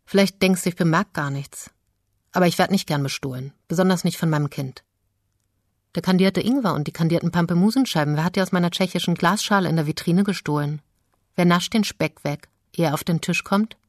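A woman with a soft, delicate voice reading the lines of a strict, cold mother who scolds her daughter in an audiobook. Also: on the low side, brisk, no room sound, studio quality, close to an everyday voice. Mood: reproachful. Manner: scolding, accusing questions.

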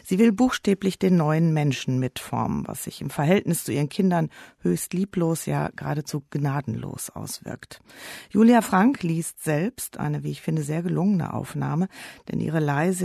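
Gravelly, dark-voiced radio book host. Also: male voice, on the high side, dry recording, studio quality. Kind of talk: scripted radio presentation.

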